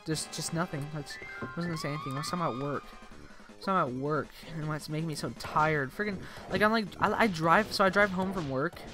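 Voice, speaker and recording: Playing a video game with its music behind him, a tired young man rambles in casual commentary and says "like" all the time. He talks at a quick pace in a slightly high voice.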